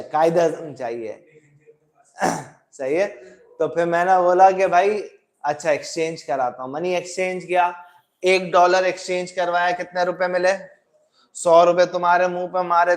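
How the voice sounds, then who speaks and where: A man teaching economics to a class, asking repeated questions and mixing in English. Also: high-pitched. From Pakistan. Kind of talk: classroom lecture.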